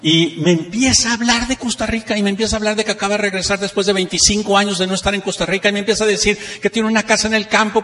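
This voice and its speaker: A seminar trainer from Monterrey, Mexico, speaking with a northern Mexican accent, gives an anecdote-filled motivational talk to an audience in a hall with long, echoing reverb. His fairly high voice is a bit bright. He pushes his points with rhetorical questions and emphatic repetition of key phrases.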